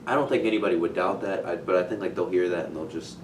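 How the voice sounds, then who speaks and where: A young man hosting a student podcast, agreeing eagerly with his guest and filling gaps with "like". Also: quick pace. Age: young adult. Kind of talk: casual interview. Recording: echoey room, distant mic, rumbling noise.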